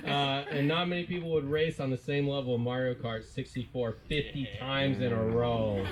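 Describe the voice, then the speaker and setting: Guy in his 30s doing a jokey best man speech, really animated, loud wedding crowd behind him. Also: medium pitch. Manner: self-deprecating, joking, chuckles through his words. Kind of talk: informal comedic wedding speech. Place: wedding reception. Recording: live event with loud crowd laughter.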